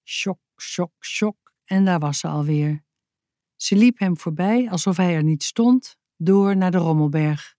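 A woman reading a children's story aloud, lively and giving each character a voice. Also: on the low side, unhurried, no room sound, clean studio sound. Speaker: narrator.

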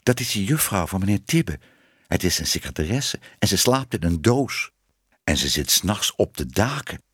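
A man's voice: deep voice, big pitch swings, moderate pace, a bit bright, husky, exaggerated voice. Guy doing prim gossipy bakery ladies, snippy, storybook.

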